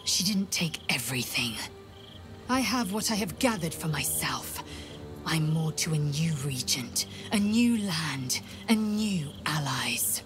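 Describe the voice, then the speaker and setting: Lae'zel, a slow-spoken proud alien warrior. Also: female voice, on the low side. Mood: resolute. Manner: formal, solemn, intense. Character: proud githyanki warrior woman, fierce, solemn, defiant. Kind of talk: dramatic video game acting.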